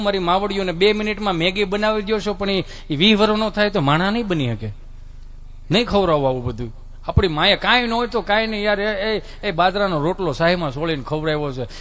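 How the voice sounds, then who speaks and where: A man's voice: high-pitched, a bit bright. A man, telling folksy stand-up stories and mimicking relatives and children. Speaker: stand-up comedian.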